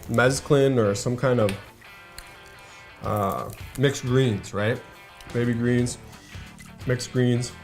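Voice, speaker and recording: A Minnesota man with a mid-range, slightly mellow voice hosts a casual cooking show from a garage kitchen. He talks viewers through each step in an upbeat, chatty way while music plays faintly and something fries in the background.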